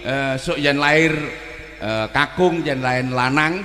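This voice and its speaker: A man with an ordinary mid-pitched voice teases and jokes with the singer. His voice rings out with strong echo and a long reverb. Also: slow pace, sharp tone, faint music behind. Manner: joking, teasing. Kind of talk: casual banter on stage. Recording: echoey hall reverb.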